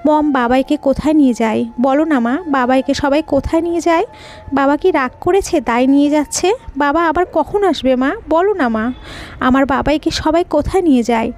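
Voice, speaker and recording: A woman's voice: high voice, moderate pace, a little mellow, close to an everyday voice. A woman voicing a grieving little girl pleading tearfully with her silent father in an audio story.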